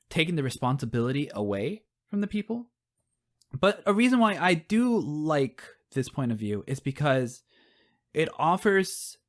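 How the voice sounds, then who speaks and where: An American man with a slightly raised voice works through an argument on a casual podcast. He hedges, tries out examples and fills his pauses with "uh" and "like". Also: on the high side. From United States. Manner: thinks aloud with hedges and fillers. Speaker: podcast co-host.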